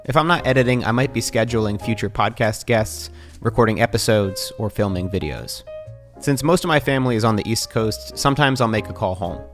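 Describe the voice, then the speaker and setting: A man in his thirties with a somewhat low voice narrates a vlog in a calm, even, scripted voice-over. Soft music plays faintly underneath. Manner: calm, measured, even-toned. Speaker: vlogger and podcaster.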